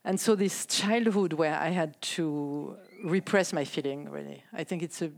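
A French woman in her sixties with a French accent tells her life story as a podcast guest in a casual chat. She speaks softly and hesitantly at normal speed, laughing lightly often, in a deep voice with vocal fry.

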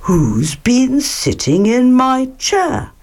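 Woman doing a slow, growly father bear. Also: sits high, very animated, a little mellow, voice pushed up, full character voice. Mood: gruff. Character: big, gruff father bear. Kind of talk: storybook reading.

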